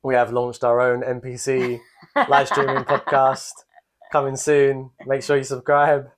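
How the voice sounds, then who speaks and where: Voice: medium pitch, flat delivery, measured pace. A podcast co-host chatting casually and comedically, with a jokey, sarcastic, slangy way of talking.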